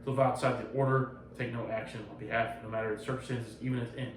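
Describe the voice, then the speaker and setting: A man's voice: medium pitch, little pitch movement, fast talker, a little hiss or hum, pitched below the performer's own voice, lightly acted. A man voicing a pompous, self-important male Jedi hermit in a lofty, solemn tone while retelling a comic. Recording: roomy echo, distant mic, faint ambience.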